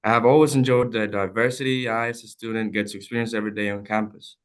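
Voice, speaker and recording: A man's voice: on the low side, level tone, fast, smooth. A young man from El Salvador, a student, reading prepared testimony at a hearing in an earnest, formal and heartfelt way. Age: young adult.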